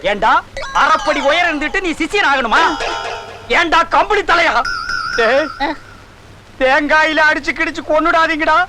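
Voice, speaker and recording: A man's voice: very high-pitched, normal speed, pauses often, music in the background. An actor playing a bossy, pompous fake village sorcerer who scolds and insults his disciples in a film comedy. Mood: ranting. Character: bossy fake village sorcerer-priest, middle-aged man. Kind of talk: Tamil film comedy dialogue.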